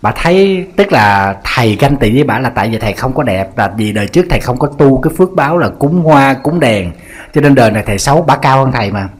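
Nhà sư giọng miền Nam kể chuyện dí dỏm. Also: male voice, mid-range voice, quick pace, husky. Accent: Southern Vietnamese. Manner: lively, teasing, anecdotal. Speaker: Buddhist monk. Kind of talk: humorous sermon storytelling.

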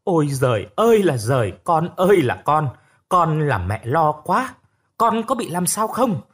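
A man's voice: on the high side, sing-song, a little slow, slightly rough, full character voice. A man voicing a distraught village mother who wails over her lost son in a read-aloud story. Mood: frantic. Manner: wailing, pleading. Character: sobbing frantic village mother.

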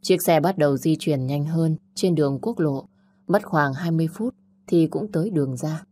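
A woman narrating a dramatic story in a measured, emotive way. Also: deep voice, mellow.

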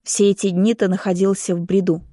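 A woman's voice: mid-range voice, level tone, a little fast, mellow, no room sound, clean studio sound, close to an everyday voice. A woman reading an audiobook, voicing a weary middle-aged father who speaks in a subdued, heavy way. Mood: somber.

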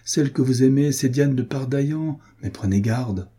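A man's voice: mid-range voice, moderate pace, dark tone, breathy edge, voice pushed up, close to an everyday voice. A man voicing a jealous, vengeful noblewoman. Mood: reproachful. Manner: pleading then bitter, vengeful. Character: jealous, passionate noblewoman scorned by her lover. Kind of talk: audiobook character reading.

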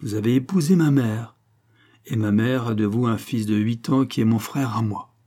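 A man's voice: mid-range voice, moderate pace, mellow, close to an everyday voice. A man voicing a thirteen-year-old boy duke who speaks with firm, solemn command. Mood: coldly resolute.

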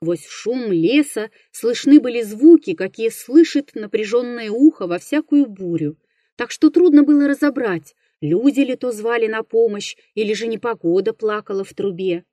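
A woman reading a classic short story aloud in measured, even narration. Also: fairly high pitch, dry recording, studio quality. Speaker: reader. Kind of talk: scripted literary narration.

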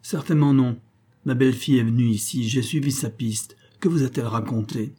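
A man voicing an angry, hulking old country doctor who bursts into loud threats, in an audiobook reading. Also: medium pitch, brisk, slightly rough, natural voice. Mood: brusque.

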